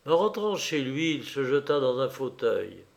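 A man reading a fairy tale aloud in a measured, expressive narration. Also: medium pitch, vocal fry. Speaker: storyteller. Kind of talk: storybook reading.

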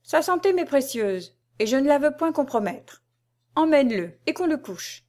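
A woman's voice: medium pitch, moderate pace, lightly acted. A woman reading aloud and voicing an imperious male prince regent who gives brusque orders in a raised voice. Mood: commanding.

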